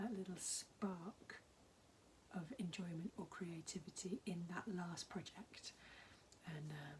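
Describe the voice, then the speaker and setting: A hoarse woman with a husky, half-whispered voice, gently giving encouraging advice in a casual vlog. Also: lowish voice, a little hiss or hum, poor audio. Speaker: mentor.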